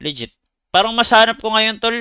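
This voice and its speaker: With a high-sitting voice and lively intonation, a Filipino-accented man talks fairly quickly in a sharp but smooth tone. He's a game streamer and competitive esports player addressing his livestream viewers as buddies, casual, blunt, slangy and profane. The audio is muffled, without echo.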